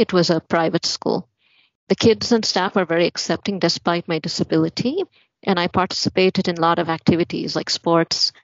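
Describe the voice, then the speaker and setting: A young woman from Malawi tells her story in a steady, matter-of-fact way. Her voice sits low. The audio is muffled and dry. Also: dry recording. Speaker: guest. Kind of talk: personal story in a podcast interview.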